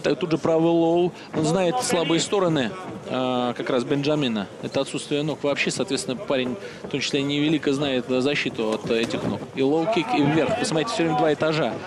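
A man's voice: fairly high pitch, a little fast. A man giving live fight commentary, with an arena crowd audible behind him. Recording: clear crowd noise behind.

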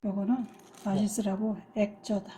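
Older mom explaining dumplings in her kitchen, brisk and no-fuss, mellow voice, faint background noise. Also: medium pitch, level tone. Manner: brisk, matter-of-fact instructions. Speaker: mother cooking at home. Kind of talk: casual cooking chat. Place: home kitchen.

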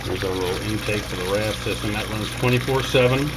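This low-key, plain-spoken hobbyist moves fairly quickly through a casual, unscripted video tour of his home hydroponics setup in a small basement room. He talks from behind the handheld camera, over a steady loud hum and the sound of water.

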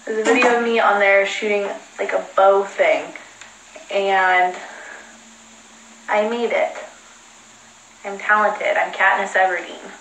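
A woman's voice: mid-range voice, steady tone, slow pace, pauses often, a bit bright, a little hiss or hum. A young woman hosting a casual livestream from home, chatting in a rambling, self-mocking way while talking on a phone. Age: young adult. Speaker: livestream host. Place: indoors at home. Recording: echoey room.

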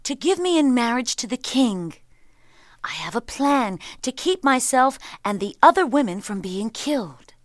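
A woman's voice: fairly high pitch, sing-song, unhurried, dry recording, studio quality, pitched above the performer's own voice. A woman voicing a clever, brave young woman in a storybook reading, speaking up earnestly and with resolve. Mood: determined. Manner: earnest, pleading, raised voice.

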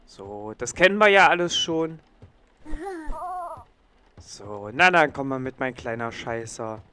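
A man's voice: medium pitch, expressive, slow pace, sharp tone. A man giving casual let's play commentary, talking to a game baby in a teasing, playful way and sometimes dropping into a whisper.

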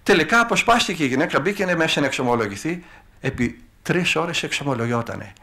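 Older male monastic elder; bright voice, lively colloquial sermon storytelling. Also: on the high side.

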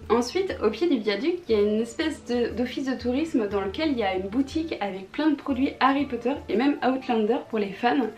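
A woman's voice: on the high side, a little mellow. A woman chatting enthusiastically in a casual haul vlog, with lots of fillers and restarts. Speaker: vlogger showing purchases.

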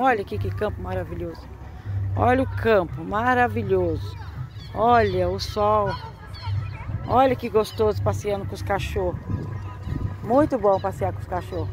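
A woman's voice: mid-range voice, background noise. A Brazilian woman filming herself outdoors, chatting to viewers and coaxing her pets in a raised sing-song voice. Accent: Brazilian Portuguese. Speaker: vlogger walking her dogs. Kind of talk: casual vlog chat to pets and viewers. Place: outdoors in a garden at dusk.

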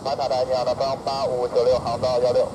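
Male pilot, cockpit headset, clipped radio callouts, steady mid voice, engine roar behind. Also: medium pitch, fast, noisy background. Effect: talking through a cockpit headset. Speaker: airline pilot. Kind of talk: radio calls to air traffic control. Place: aircraft cockpit during approach. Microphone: headset mic.

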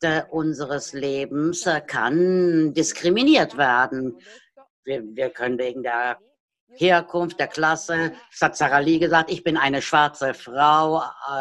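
A woman working as a simultaneous interpreter, relaying a panelist's words in halting bursts with many fillers and restarts. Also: low-pitched, fairly bright tone. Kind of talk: live interpretation into German.

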